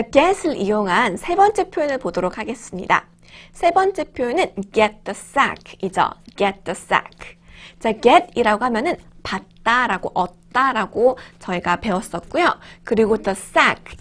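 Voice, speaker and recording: A woman teaching English phrases to learners in an upbeat, encouraging way, reading example sentences slowly and clearly. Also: mid-range voice, a bit bright. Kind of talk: online language lesson.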